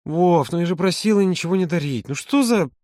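A man's voice: sits high, lively intonation, brisk, a little mellow, no echo, voice pushed up. A chatty, curious woman, voiced by a male audiobook reader, fires off eager questions. Her voice is lifted a little above the reader's own and swings about freely. The sound is dry and close.

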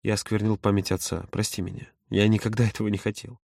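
A man voicing a grown son near forty who confesses in a hushed, halting voice, choked with tears. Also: fairly low pitch, little pitch movement, gravelly, no echo, clean studio sound, distant mic. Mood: choked, tearful. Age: 30s.

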